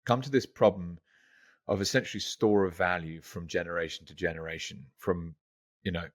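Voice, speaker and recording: British male host, very deep, enthusiastic and emphatic, dry close-miked sound. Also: fairly even intonation, normal speed, dry recording. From United Kingdom. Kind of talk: interview conversation.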